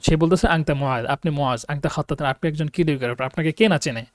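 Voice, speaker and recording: Man, online language teacher, high voice, patient explaining, slow example reading, dry close sound. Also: dry recording. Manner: explains patiently, checks understanding with questions; reads example sentences slowly and translates each one. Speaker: Arabic teacher.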